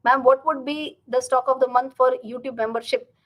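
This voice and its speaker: A woman's voice: high voice, fairly even intonation, moderate pace, fairly bright tone. A woman with an Indian accent chats casually as a live stream host, reading out and answering viewer comments and slipping Hindi phrases into English.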